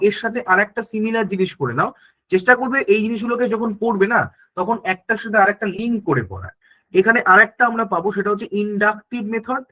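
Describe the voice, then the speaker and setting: A man, speaking in a high, bright, ringing voice, teaches an online exam-prep class. He lays each idea out step by step, asks the students' questions himself and answers them, and keeps checking that everyone follows. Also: muffled recording. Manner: explains step by step, asking and answering his own questions.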